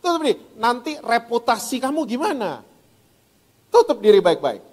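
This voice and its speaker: A man's voice: very high voice, sing-song, moderate pace, voice pushed up, full character voice. A male preacher voicing a sly male devil who coaxes people to hide and pretend, in a reverberant hall. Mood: coaxing.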